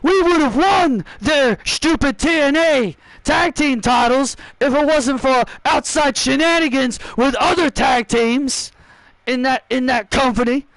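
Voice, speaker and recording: A cocky, shouting wrestler hurls boasts and insults at the crowd, put on by a man. The voice sits very high and goes up further when he yells. The sound is dry and close. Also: unhurried, no room sound, exaggerated voice, poor audio. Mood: taunting. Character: brash loud male wrestler cutting a promo.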